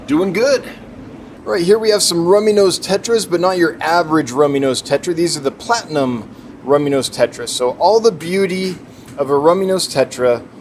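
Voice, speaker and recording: A man giving a casual, enthusiastic, unscripted tour of the stock in an indoor fish warehouse as the seller. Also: a little high. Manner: enthusiastic, chatty. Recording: clear background noise, humming ventilation.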